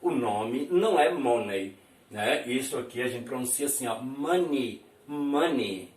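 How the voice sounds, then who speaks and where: A man teaching a casual lesson with a lively voice that swings up and down in pitch. He stops often to check in with his listeners and slows right down for his example sentences. He sounds set back from the mic in a roomy, echoing space. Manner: lively, repeats tag questions like "né?" and "viu?"; says English examples slowly and carefully. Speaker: English teacher. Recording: echoey room, voice from a distance.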